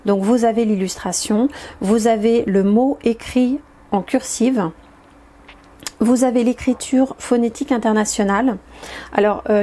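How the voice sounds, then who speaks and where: A woman explaining and demonstrating an educational card game, in a hesitant, explanatory way with many filler pauses. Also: mid-range voice, mellow.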